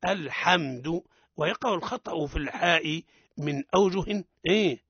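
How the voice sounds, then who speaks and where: A man with a Tunisian Arabic accent teaching Quran recitation on the radio, correcting mistakes firmly and drawing out example words slowly to show how they are said. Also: on the high side, bright, forceful tone, husky, no echo. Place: radio studio. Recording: dull lo-fi radio broadcast.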